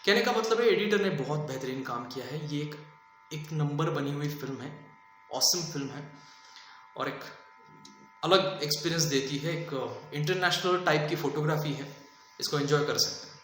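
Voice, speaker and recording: A man's voice: fairly high pitch, normal speed, fairly bright tone. Chatty man reviewing a film, echoey room. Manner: chatty, explains at length with fillers and restarts. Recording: very echoey room with faint hum.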